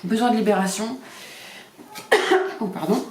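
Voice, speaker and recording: A woman's voice: mid-range voice, measured pace. A woman doing a casual card reading, talking hesitantly with many fillers and repeating the card words. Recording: echoey room.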